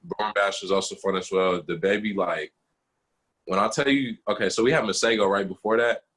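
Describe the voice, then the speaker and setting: Low husky young man, chatty. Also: fairly quick, poor audio. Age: young adult. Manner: animated storytelling with lots of fillers. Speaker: guest photographer. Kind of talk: casual interview chat.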